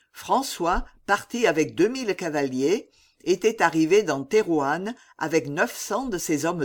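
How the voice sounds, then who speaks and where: Slow, measured audiobook narrator. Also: medium pitch. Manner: slow, measured, dramatic reading. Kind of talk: scripted narration of a historical novel.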